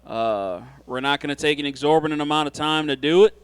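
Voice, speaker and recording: A man's voice: a little high, a little fast, a crowd in the background. A man doing live trackside race announcing, talking to drivers in an informal, folksy way.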